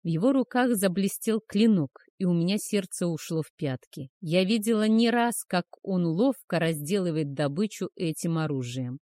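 Low, mellow-voiced woman narrating. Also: normal speed, hardly any pauses, no echo, studio quality. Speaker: audiobook narrator. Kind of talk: first-person romance audiobook narration.

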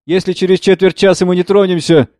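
A man's voice: high-pitched, level tone, fast talker, a little mellow, no room sound, clean studio sound, voice pushed up, close to an everyday voice. A man reading the part of an anxious doctor who presses insistently to hurry.

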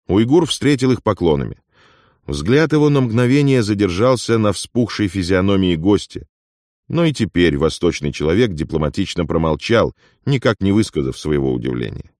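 Male audiobook narrator, low voice, expressive intonation, dry close recording. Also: dry recording.

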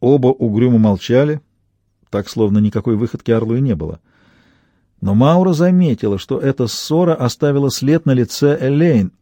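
A man narrating an audiobook with expressive storytelling. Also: mid-range voice, normal speed, no echo, studio quality. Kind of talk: scripted narration.

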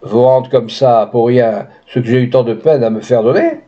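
A man's voice: medium pitch, moderate pace, natural voice. A man voicing a scheming, cynical young woman who coolly bargains, read in a storybook style on a dull lo-fi recording. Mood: haughty. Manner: cool, haughty, bargaining.

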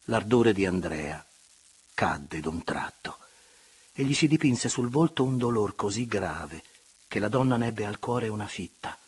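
A man reading a classic novel aloud as an audiobook narrator, measured and expressive, sometimes sinking to hushed tones. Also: on the low side, breathy edge.

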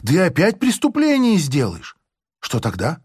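A man's voice: fairly high pitch, huge pitch swings, normal speed, slightly rough, dry recording, studio quality, full character voice. A man playing a sanctimonious, sadistic army officer who talks in a smug, moralizing way, in a storybook reading. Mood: smug, oily. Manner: unctuous, moralizing, then gleefully shouting.

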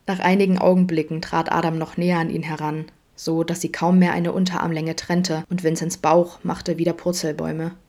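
A woman narrating a fan fiction audiobook in a calm, even storytelling manner. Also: low-pitched, brisk, few pauses. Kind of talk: podfic audiobook reading.

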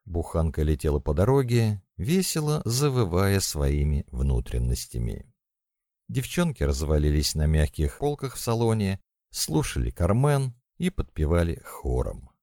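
Deep-voiced, animated male storyteller. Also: measured pace, no echo, studio quality. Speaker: audiobook narrator. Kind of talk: scripted narration.

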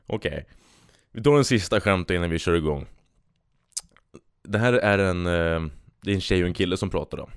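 A man's voice: low voice, pauses often, clear, resonant tone, no echo, studio quality. A man hosting a solo podcast, chatting casually and reading out jokes with a rambling, self-amused manner. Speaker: podcast host.

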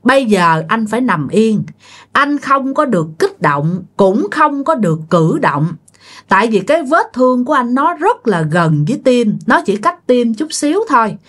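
A woman voicing a calm male doctor giving firm instructions. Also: a little high, moderate pace.

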